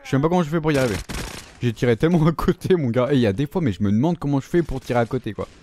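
Man, gameplay commentary, swears a lot, bouncy lively pitch, raised voice, faint gunfire behind, mouth full. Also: very fast, slight background noise. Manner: excitable, swears a lot, shouts and yelps at the game. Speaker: gaming YouTuber.

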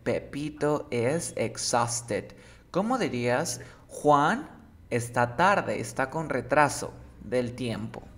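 A man teaching an English lesson, coaxing a student and drilling words slowly with exaggerated English sounds. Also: mid-range voice, animated, a bit bright.

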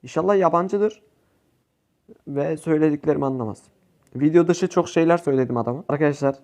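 A young man giving casual gameplay commentary, excitable and swearing at his teammates. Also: a little high, fast talker. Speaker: gaming youtuber.

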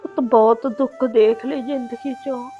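A woman's voice: on the high side, steady tone, normal speed, narrow, tinny audio, faint music behind, natural voice. An actress playing a grieving mother who weeps and consoles her family in a short drama. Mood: tearful. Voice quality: tearful, wailing lament. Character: grieving middle-aged mother, tender and weary. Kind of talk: emotional village drama acting.

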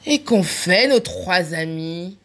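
A woman reads a children's picture book aloud, her voice swooping high and low as she acts out giggles and sobs. She takes her time, leaving room for each line to land. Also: slow. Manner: animated, acts out laughs and cries. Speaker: library storyteller.

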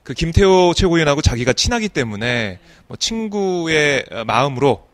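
A male reporter in a casual talk show chat, his voice disguised by a deep pitch shift, recounting an overheard remark with chuckles. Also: sing-song, normal speed, a bit bright, no room sound.

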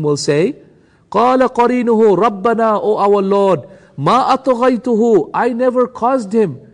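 A male Islamic teacher with a fairly high, gravelly voice that moves at a brisk clip. He chants verses rapidly and then unpacks them for his audience. The sound rings out in a large hall with a long reverb. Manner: recites Arabic verses rapidly, then explains them to "brothers and sisters". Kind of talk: Quran commentary lecture.

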